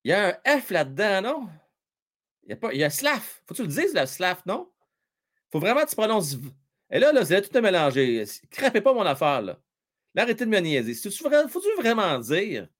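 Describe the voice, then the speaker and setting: A man with a Quebec French accent hosts a casual live hockey stream, joking around and reading viewers' comments aloud. His high-sitting voice swoops wildly in pitch and runs a little fast, with many fillers in his chatty delivery.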